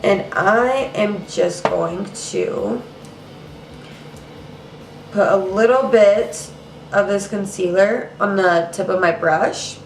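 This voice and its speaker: Slowly and with frequent pauses, a young woman chats through a makeup tutorial, casually tossing out "girl" and "you guys." Allergies leave her a bit nasal and congested, and her pitch is medium. A distant mic gives a roomy sound with faint hiss or hum.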